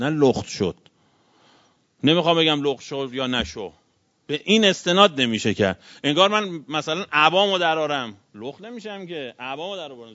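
Man, cleric preaching a sermon, fairly high voice, loud bursts and hushed asides, dull lo-fi recording. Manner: swings between loud exclamations and hushed asides. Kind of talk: sermon with religious storytelling.

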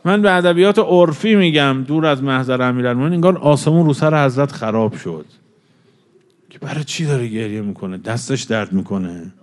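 Guy preaching a sad mourning sermon, gets loud then real quiet, drags out the chanted verses. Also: mid-range voice. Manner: emotional, swells louder then drops to a hush; draws out recited lines slowly.

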